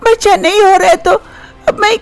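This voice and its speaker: A very high, girlish voice plays a worried young wife, acted by a woman. She pleads and frets in this animated story. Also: normal speed. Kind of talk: storybook voice acting.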